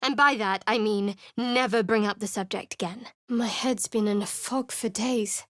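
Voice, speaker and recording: In a studio booth on a close mic, a woman records voice lines as a party companion in a fantasy video game: a guarded, sardonic young cleric of a dark goddess. Her medium-pitched, normal-speed delivery is dry, wry and cool with sly sarcasm, close to an everyday voice and free of echo.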